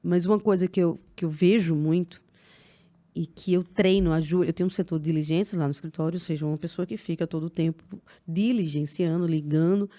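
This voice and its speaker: A woman with a Brazilian accent hosting a casual podcast, telling stories with lively, acted-out dialogue. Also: lowish voice, brisk. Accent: Brazilian Portuguese. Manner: lively storyteller who acts out quoted dialogue. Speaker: podcast host, lawyer.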